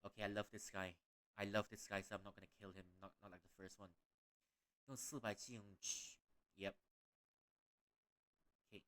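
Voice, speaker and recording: A man's voice: fairly low pitch, level tone, normal speed, long pauses, a bit bright. A young man from Malaysia with a Malaysian English accent, a playful streamer who laughs often while commenting on a game.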